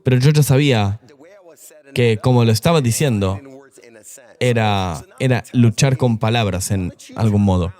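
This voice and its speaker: A man's voice: medium pitch, unhurried, a little mellow. A middle-aged man, a pastor, telling his personal testimony in an earnest, confessional way during an interview.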